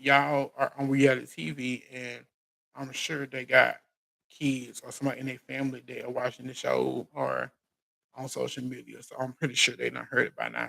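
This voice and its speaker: Chatting through a reality TV episode on a live recap show, this American host has a gravelly, slightly bright medium-pitched voice, and the audio quality is poor. His speech is loose and colloquial, full of restarts and repeated phrases.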